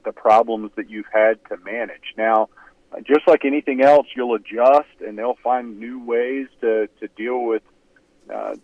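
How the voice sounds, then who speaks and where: Former football player on a tinny phone line. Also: male voice, mid-range voice, no room sound. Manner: measured, reflective, hesitant restarts. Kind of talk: interview answers.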